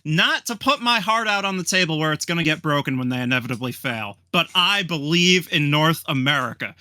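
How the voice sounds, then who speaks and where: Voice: medium pitch, animated, a little fast, bright, forceful tone, no room sound, studio quality. An esports co-streamer chatting casually in a reaction video, with a wry, wordy and mock-dramatic way of talking.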